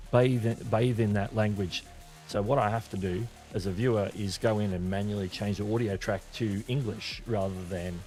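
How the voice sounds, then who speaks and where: This host runs a live creator news stream and reads viewer chat aloud. His voice is on the low side and darkish. He talks loosely and rambles, with lots of restarts and fillers.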